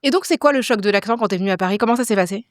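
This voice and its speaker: A woman hosting an interview, asking quick reactive questions. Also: mid-range voice, no echo, studio quality. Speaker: interviewer host.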